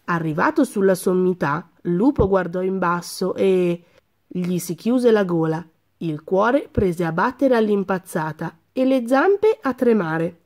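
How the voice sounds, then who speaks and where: A woman reading a children's story aloud in a lively, expressive way. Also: medium pitch, unhurried.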